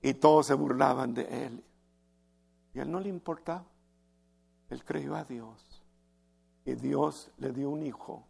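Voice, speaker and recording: Guy preaching a fired-up sermon, super gravelly husky voice, keeps saying brother. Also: medium pitch, a little slow, pauses often, darkish tone. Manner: impassioned preaching, calls listeners "hermano", acts out quotes. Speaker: pastor.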